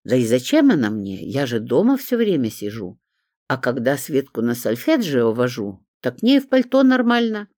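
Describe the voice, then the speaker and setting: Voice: medium pitch, huge pitch swings, normal speed, darkish tone, no room sound, clean studio sound. A reader voicing a grumpy, nagging elderly woman of seventy-one in an audiobook. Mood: grumbling. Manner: grumbling, complaining. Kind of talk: audiobook character voice.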